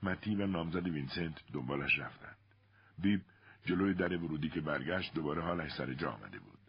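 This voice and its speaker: Deep husky male storyteller. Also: lively intonation, no room sound, dull audio. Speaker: narrator. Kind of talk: audiobook narration.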